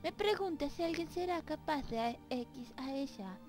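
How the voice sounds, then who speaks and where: A let's play gamer reads game text aloud in silly voices and chats playfully with the characters, from a home room with dogs nearby. Her voice is high, expressive, and a little mellow at a moderate pace. Faint music plays behind her.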